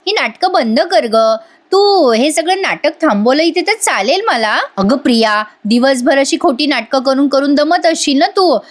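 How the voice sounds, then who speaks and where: A woman's voice: high voice, lively intonation, moderate pace. A woman voicing a sly young wife who teases her rival in a mock-sweet, playful way. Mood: teasing.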